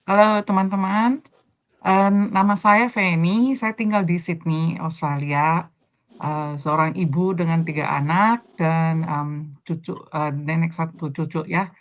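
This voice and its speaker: A woman's voice: lowish voice, fairly even intonation, measured pace. Hesitant woman on a dull video call. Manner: hesitant, many fillers. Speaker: guest panelist.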